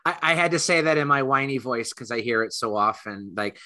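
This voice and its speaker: A man's voice: medium pitch, lively intonation, fairly quick, sharp tone. A man in casual panel chat, knowledgeable and chatty, with lots of fillers. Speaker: podcast panelist.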